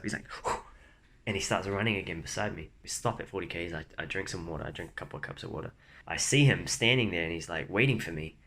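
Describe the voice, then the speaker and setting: Young male vlogger, bright forceful voice, relaxed storytelling, faint background hiss. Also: low-pitched. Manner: laid-back, says "like" and "man" a lot. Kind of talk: casual storytelling vlog.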